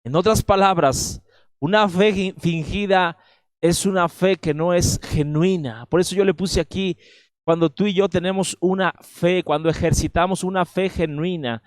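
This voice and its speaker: Emphatic Mexican pastor preaching. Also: male voice, high-pitched, normal speed, no room sound. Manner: emphatic preaching, addresses listeners directly with frequent "¿verdad?". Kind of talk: sermon.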